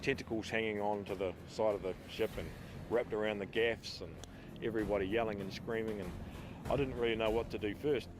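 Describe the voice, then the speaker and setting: A man's voice: fairly low pitch, steady tone, a little fast. A man, a fisherman, casually recalling events in a documentary interview. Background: background music.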